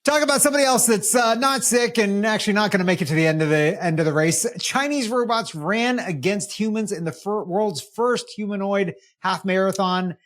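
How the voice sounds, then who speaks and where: A man's voice: sits high, fairly quick, hardly any pauses. A man co-hosting a casual tech podcast, joking and riffing with sarcastic asides. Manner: joking, animated, sarcastic riffs. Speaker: podcast co-host. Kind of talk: casual chat.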